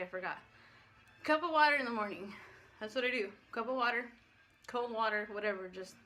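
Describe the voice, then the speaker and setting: Bright, breathless woman chatting through a workout. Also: a little high. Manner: rambling, informal, slangy. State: breathless from exercise. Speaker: fitness vlogger. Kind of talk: casual chatty workout vlog.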